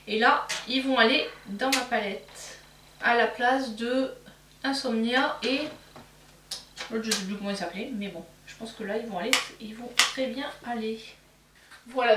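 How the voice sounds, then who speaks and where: Speaking unhurriedly in a slightly high voice, a woman runs through a makeup haul as a beauty vlogger, joking at her own expense and using many fillers. The mic is somewhat distant in a roomy space, and background noise comes through.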